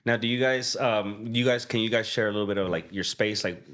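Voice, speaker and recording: A man hosts a relaxed interview with a lowish voice. His questions wander with fillers and restarts, curious and informal. He keeps the talk light and conversational. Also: fairly quick. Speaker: podcast host. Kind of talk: casual interview chat.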